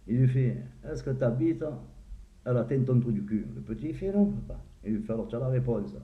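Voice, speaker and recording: Through a tinny, echoey, phone-like recording, a man briskly tells crude jokes, acting out the characters and chuckling at the punchlines. His mid-range voice is expressive.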